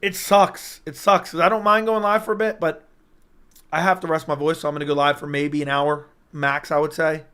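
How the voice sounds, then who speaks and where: Through a personal streaming mic, a young MMA YouTuber talks loosely to his chat, hyped and rambling as he answers incoming comments. His voice, a little high for a man, is bright and forceful, brisk and level in tone. It's strained and keeps dropping in and out, but the tone beneath holds clear.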